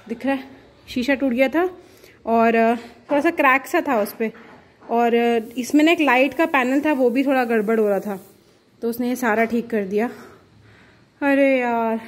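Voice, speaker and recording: Young woman, vlogger, high bright voice, chatty, playful, at home. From Jaipur, India. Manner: chatty, playful, laughs and teases. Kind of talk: casual chatty vlog. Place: at home, indoors.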